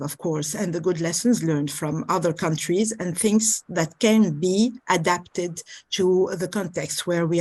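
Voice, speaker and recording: A woman speaking as a panelist in a webinar, earnest and often pausing to find her words. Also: fairly low pitch, darkish tone, breathy edge, no echo. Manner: earnest, searching for words mid-sentence. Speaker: panelist, head of a country office. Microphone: video call.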